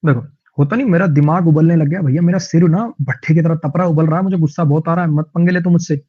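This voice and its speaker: A male teacher with a Haryanvi-tinged Hindi accent, giving an online vocabulary lesson in a chatty, jokey way with lively anecdotes. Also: fairly high pitch, quick pace, highs cut off.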